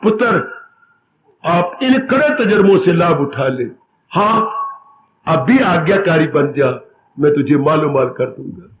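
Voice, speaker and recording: A man voicing an old father who consoles his son softly and forgivingly. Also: on the high side, lively intonation, measured pace, long pauses, background noise, pitched below the performer's own voice. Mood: consoling. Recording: roomy, dull recording, faint ambience.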